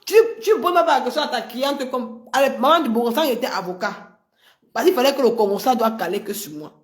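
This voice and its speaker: A woman from Cameroon, delivering a heated, confrontational livestream rant that swings between loud outbursts and low mutters. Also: animated, fairly quick. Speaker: social media personality.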